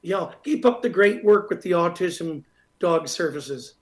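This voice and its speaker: High-voiced Canadian male radio host. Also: expressive, unhurried. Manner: repeats details for emphasis. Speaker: radio talk show host. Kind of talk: live radio talk with announcements.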